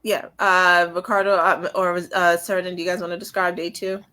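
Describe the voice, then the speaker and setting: An excitable woman co-host in a casual livestream chat, cheering others on and cracking jokes. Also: on the low side, fairly quick.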